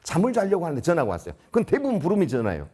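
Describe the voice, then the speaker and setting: A man's voice: fairly high pitch, very fast. A middle-aged man giving a storytelling lecture to school leaders, acting out the dialogue as he goes. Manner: animated, acts out dialogue. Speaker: lecturer at a principals' training.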